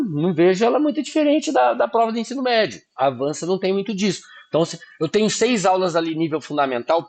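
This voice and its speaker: A man teaching an online exam-prep lesson, informal, often checking in with quick tag questions and sounding out words syllable by syllable. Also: a little high. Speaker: Portuguese teacher.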